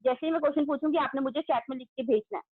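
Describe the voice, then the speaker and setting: Loud high-voiced woman teaching an online class. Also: racing, no echo. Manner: loud, calls out pupils' names and praises answers. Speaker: school teacher. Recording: tinny phone-like audio.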